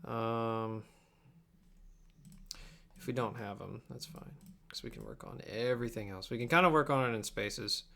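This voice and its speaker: A young man livestreams from his home computer while editing an abridged anime dub, casually chatting and half-mumbling his thoughts. His voice is medium-pitched, creaky, bright and forceful, at a moderate pace broken by long pauses. Faint typing and room noise are present.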